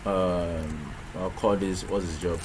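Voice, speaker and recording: Speaking slowly in a deep voice with fairly even intonation, this man teaches programming through a screen-recorded tutorial. He walks through each step, frequently restarting and asking rhetorical questions. Keyboard typing sits in the otherwise clear background.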